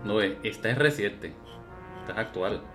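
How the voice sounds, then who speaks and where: A man's voice: lowish voice, moderate pace, over music. A man, co-hosting a casual chat and cutting in to steer the talk. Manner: prodding, interrupts to steer. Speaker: podcast co-host.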